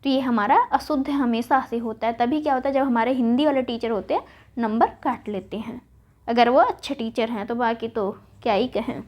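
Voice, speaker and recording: A woman's voice: on the high side, moderate pace. A woman teaching spelling for an exam, reading out word pairs and answering her own questions. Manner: recites word pairs, asks and answers herself. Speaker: Hindi exam-prep teacher. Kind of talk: online lesson, spelling drill. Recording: dull lo-fi audio.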